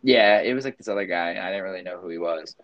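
A man's voice: low-pitched, quick pace, a bit bright, dry recording, muffled recording. A young man chatting casually with a friend, rambling and restarting his sentences, laughing easily. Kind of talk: casual chat.

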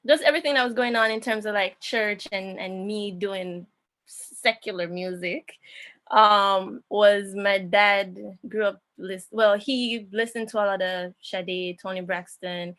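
A woman's voice: mid-range voice, fairly even intonation, unhurried, fairly bright tone, dry recording. A young woman from Jamaica, an interviewer and musician, talking reflectively in casual conversation with frequent fillers and restarts.

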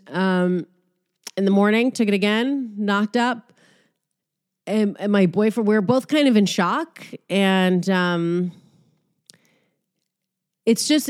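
A young adult woman chatting casually as a vlogger, telling a story in an animated, profane way and acting out quotes. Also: mid-range voice. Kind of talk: casual chat.

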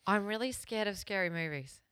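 A woman's voice: mid-range voice, brisk, fairly bright tone, clean tone, dry recording, clean studio sound. A woman co-hosting a podcast, talking bluntly and animatedly, swearing freely in casual chat. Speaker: podcast co-host.

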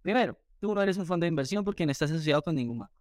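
Fast-talking man telling a story. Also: on the high side, no room sound. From Colombia. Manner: fast, animated retelling with acted quotes. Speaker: entrepreneur guest. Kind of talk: storytelling in an interview.

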